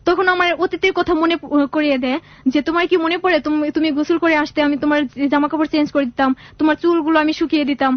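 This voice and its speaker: A woman's voice: high-pitched, steady tone, fast talker, no echo. A young woman calling a radio show to tell her life story, rambling and often restarting her sentences. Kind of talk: emotional personal storytelling on radio. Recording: dull lo-fi radio audio.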